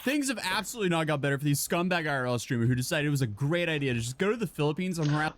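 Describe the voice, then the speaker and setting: A man's voice: a little high, expressive, very fast. A man delivering scripted commentary in a sarcastic, mocking tone. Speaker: video commentator.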